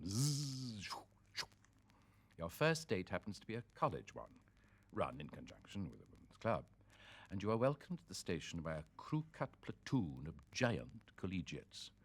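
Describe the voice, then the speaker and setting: A Welsh man with a very low voice reads literary prose with rolling, theatrical flair. He leans hard into some words and lets others drop to almost nothing. His cadence is that of a classic spoken-word record. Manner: rolling, theatrical, sharply varied emphasis. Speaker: reader of poetry and prose. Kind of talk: dramatic literary reading.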